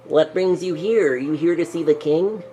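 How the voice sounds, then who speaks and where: A man voicing a formal, welcoming bullywug frog villager with a slow croak in a tabletop game. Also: a little high, warm tone, soft background music, pitched above the performer's own voice, lightly acted, rough recording. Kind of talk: tabletop role-play in character. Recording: faint background noise.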